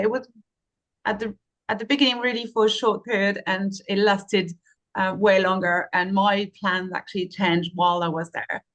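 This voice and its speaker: A woman in her forties from France, speaking as an interview guest, explaining her work steadily with frequent pauses. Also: medium pitch, a bit bright. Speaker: guest, fundraising and marketing consultant. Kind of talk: interview answer, casual.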